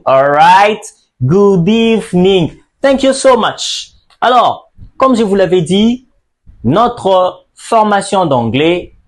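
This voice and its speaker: Slow, high-voiced male language teacher. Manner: slow, drawn-out repetition drills with emphatic stress. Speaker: English teacher. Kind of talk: classroom-style language lesson.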